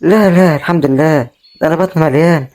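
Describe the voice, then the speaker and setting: A man's voice: a little high, fast talker, darkish tone, natural voice. An actor with an Egyptian accent playing a proud, kind brother who has lost everything and keeps telling his sister not to worry. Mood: reassuring. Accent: Egyptian Arabic. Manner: reassuring, brushes off worry. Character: kind, proud brother left poor and homeless. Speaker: actor in a web drama.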